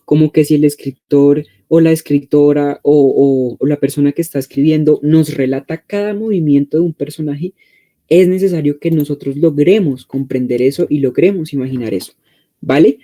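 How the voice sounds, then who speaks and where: Colombian male tutor, online class, dark mellow tone, chatty, keeps checking if students follow. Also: a little high, normal speed. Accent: Colombian Spanish. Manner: conversational, frequent check-in questions. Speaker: teacher. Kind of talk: online exam-prep class.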